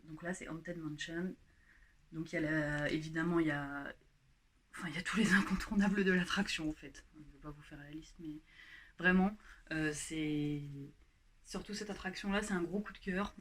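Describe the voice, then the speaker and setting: A woman's voice: on the low side, a bit bright, a little hiss or hum. A young woman chatting casually through a haul vlog, with many fillers and restarts. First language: French. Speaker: YouTuber showing her haul.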